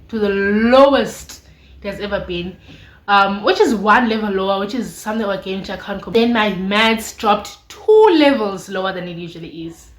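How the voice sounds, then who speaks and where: Young South African woman vlogging, echoey room. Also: medium pitch. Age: late teens, young adult. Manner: expressive, informal, with slangy asides. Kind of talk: casual confessional chat to viewers. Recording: echoey, roomy sound.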